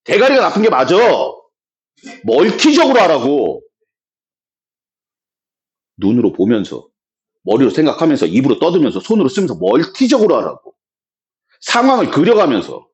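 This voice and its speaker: A man teaching math to students, speaking bluntly and roughly, swinging between loud emphasis and low muttered asides. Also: huge pitch swings, moderate pace, pauses often. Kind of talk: classroom lecture.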